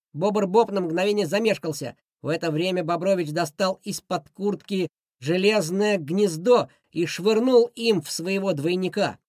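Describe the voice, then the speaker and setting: A woman narrating a children's adventure audiobook in a lively, expressive way. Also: lowish voice, no echo, clean studio sound. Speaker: audiobook reader. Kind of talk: scripted storybook narration.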